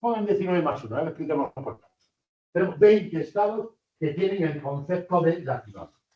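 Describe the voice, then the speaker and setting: Older professor lecturing in a hall. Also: male voice, fairly high pitch, brisk. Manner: lively, rhetorical questions to the audience. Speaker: university professor. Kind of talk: university lecture. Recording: distant, roomy, muffled lecture hall recording.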